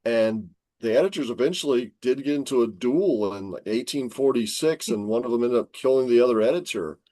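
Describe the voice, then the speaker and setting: A man's voice: mid-range voice, lively intonation, brisk, dark tone, no room sound. A man talking as a guest scholar on an interview podcast, explaining history in a storytelling way.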